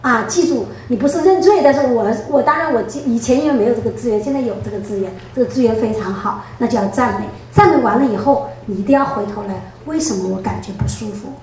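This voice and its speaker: A woman giving a spoken church testimony, telling her story in a lively way, often laughing and stretching out her sentence particles. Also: a little high, fast, few pauses, slight background noise. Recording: very echoey room, distant mic.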